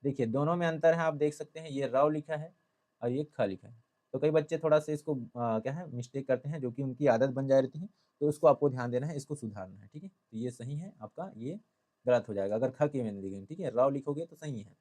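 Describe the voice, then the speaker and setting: Male Hindi tutor, mid-pitched, patient step-by-step classroom explainer. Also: brisk, darkish tone. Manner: explanatory, repeats "theek hai" often. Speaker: Hindi teacher. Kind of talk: classroom-style lesson.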